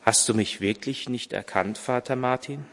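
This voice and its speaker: A man reading aloud as a gentle divine voice, hushed and solemn, in a reverberant church. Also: mid-range voice, normal speed, close to an everyday voice.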